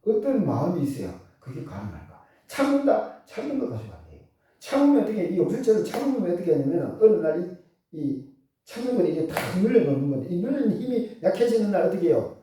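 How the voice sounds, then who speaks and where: Animated preaching man in an echoey hall. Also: sits high, fast, a little hiss or hum. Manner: animated preaching with frequent laughter and rhetorical questions. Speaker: pastor. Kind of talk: sermon. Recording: echoey hall, far from the mic.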